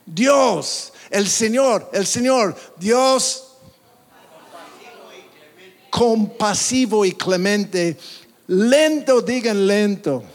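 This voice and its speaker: Male pastor, high voice, unhurried delivery, dramatic sermon in a reverberant hall. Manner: animated, dramatic swings of pitch and loudness.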